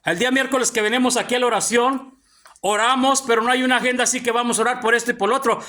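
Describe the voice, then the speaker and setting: A male pastor with a very high-pitched, pushed, bright voice preaches quickly to his congregation in a church hall, with fairly even intonation. He constantly calls out "hermano" to his brothers.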